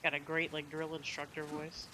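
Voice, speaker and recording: A man's voice: a little high, completely flat delivery, moderate pace. A man chatting casually as he streams a video game. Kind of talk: casual gameplay chat. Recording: noisy, game audio behind the voice.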